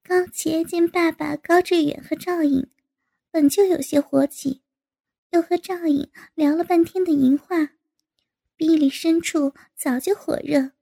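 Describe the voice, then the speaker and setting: A woman narrating an erotic audio story in a steady storytelling manner. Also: extremely high pitch, measured pace, gravelly.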